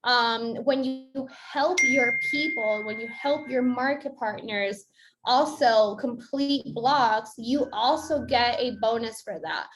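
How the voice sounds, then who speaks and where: A young woman from Colombia walks listeners through a business onboarding in an upbeat, explanatory way. Her voice sits a little high for a woman, and she keeps checking that people are following. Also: takes it slowly, background noise. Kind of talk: explanatory presentation.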